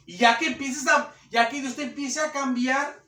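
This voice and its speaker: High-voiced preacher in an echoey church. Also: male voice, steady tone, normal speed, pushed and bright. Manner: conversational preaching, repeats phrases, acts out churchgoers' voices. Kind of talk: sermon. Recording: echoey room, distant mic.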